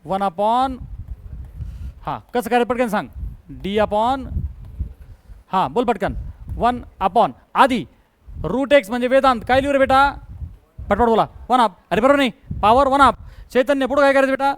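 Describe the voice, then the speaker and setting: A man teaching math in a classroom, drilling students to answer out loud, scolding and joking as he mixes in English terms. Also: extremely high pitch, a little slow, long pauses, rough recording. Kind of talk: classroom lecture.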